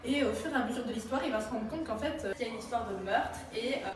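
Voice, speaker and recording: Teen girl, halting vox-pop answer, distant phone mic, big hallway echo and noise. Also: a little high. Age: teens. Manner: hesitant with many fillers. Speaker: interviewed student. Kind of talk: vox pop film retelling. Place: school hallway indoors. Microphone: phone held out by interviewer.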